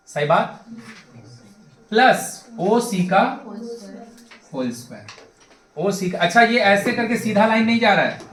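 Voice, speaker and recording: A high-voiced male math tutor, talking to his class in a chatty, joking, familiar way. His voice rings through a bare, echoey classroom and is picked up from some distance away. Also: slight background noise. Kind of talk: classroom lecture.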